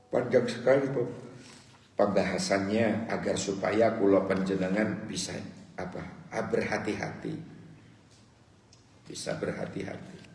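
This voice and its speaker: A man preaching a sermon, moving from soft low asides to loud, high emphasis. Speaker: preacher teaching a religious text. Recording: echoey hall with long reverb.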